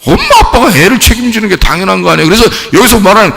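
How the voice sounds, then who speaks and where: A male pastor preaching a sermon. He swings from quiet musing to shouted, childlike pleading. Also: high voice, wildly swooping pitch, very fast, gravelly, long reverb tail, background noise. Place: church sanctuary.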